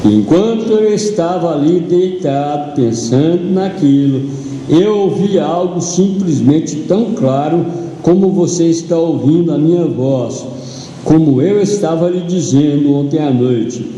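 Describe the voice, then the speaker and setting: A man with a Brazilian Portuguese accent preaching a sermon as pastor, retelling a story slowly and dramatically in the first person. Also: fairly high pitch, dark tone. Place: large church hall. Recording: echoey church hall with long reverb.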